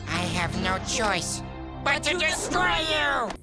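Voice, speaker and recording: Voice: mid-range voice, big pitch swings. A performer voicing a heroic dragon knight in a cartoonish dragon voice, solemn and dramatic, in an anime dub. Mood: solemn resolve. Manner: solemn, dramatic, drawn-out delivery. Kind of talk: dubbed anime dialogue. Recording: loud music over dubbed clip.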